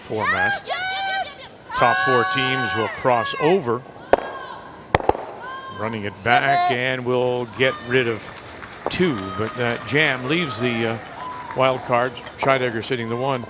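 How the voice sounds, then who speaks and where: A man working as a play-by-play commentator, explaining the format in a relaxed way and calling shots live. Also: medium pitch, takes it slowly, pauses often, a loud crowd. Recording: heavy background noise.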